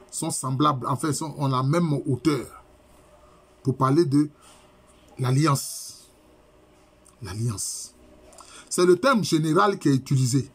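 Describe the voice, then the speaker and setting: A middle-aged professor gives a university lecture. His voice is husky and sits fairly high for a man. He explains each term slowly and repeats key phrases. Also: a bit bright.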